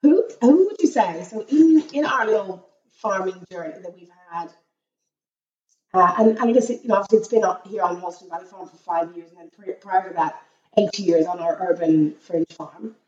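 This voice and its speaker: A middle-aged woman with a croaky voice from a cold, hosting a casual podcast chat with lots of fillers and restarts. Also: fairly low pitch, moderate pace, darkish tone, distant mic, highs cut off. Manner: chatty, many fillers and restarts. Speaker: podcast host. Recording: echoey room.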